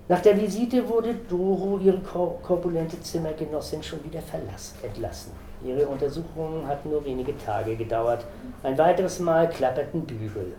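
A man reading a novel aloud in a steady, measured way, in an echoey room. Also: on the high side, creaky, slight background noise. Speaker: reader.

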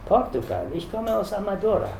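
A man voicing a friendly Portuguese cleaning woman who speaks in slow, simple, broken phrases, in an echoey room. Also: high voice, big pitch swings, creaky, a little mellow, slight background noise, voice pushed up, heavily acted.

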